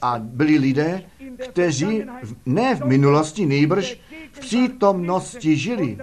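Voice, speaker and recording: A man's voice: fairly high pitch, darkish tone. A man preaching a sermon fervently, firing rhetorical questions at the congregation.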